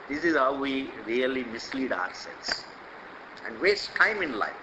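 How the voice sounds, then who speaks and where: A man's voice: mid-range voice, noisy background. An older man with an Indian accent giving a spiritual discourse, emphatic and repetitive, full of rhetorical questions, recorded in an echoey hall. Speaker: swami teaching scripture.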